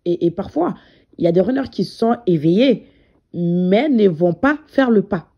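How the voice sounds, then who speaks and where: In a muffled recording, a woman with a cold addresses the camera as a spiritual medium and coach, her mid-range voice animated, unhurried, and edged with breath. Still, she hesitates a lot, repeating words and leaning on fillers.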